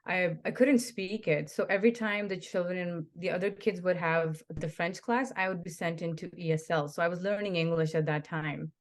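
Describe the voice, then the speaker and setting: Earnest low-pitched woman lawyer. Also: normal speed, few pauses. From Pakistan. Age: 30s. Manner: earnest, steady storytelling. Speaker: criminal defence lawyer. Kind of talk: interview answers.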